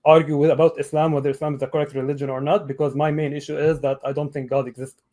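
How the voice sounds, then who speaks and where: A man's voice: fairly high pitch, level tone, fast talker, dark tone. A man in his thirties from Lebanon on a video call, speaking in a hesitant way with many fillers and restarts. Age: 30s. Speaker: caller. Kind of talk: casual debate on a video call.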